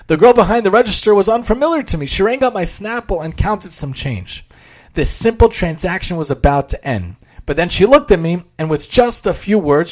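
Male religious speaker, high-pitched, animated dramatic storyteller. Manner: expressive storytelling, dramatic swings. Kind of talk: sermon with a story read aloud.

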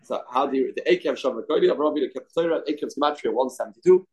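A man's voice: medium pitch, racing, a little mellow. A man gives an informal religious lesson, reading from a text and explaining it, often repeating phrases and posing rhetorical questions. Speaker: Torah teacher.

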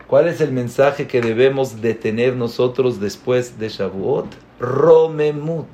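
A man teaching a religious lesson. He tells lively everyday stories to make his point. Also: on the high side. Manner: storytelling, lively examples with acted quotes.

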